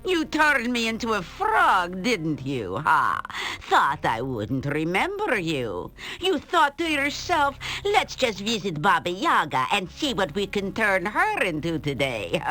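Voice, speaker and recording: A woman's voice: medium pitch, wildly swooping pitch, slow, hardly any pauses, sharp tone, exaggerated voice. A cackling old witch. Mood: taunting. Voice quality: cackling, sing-song and taunting. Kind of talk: game voice acting. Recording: game audio with faint music.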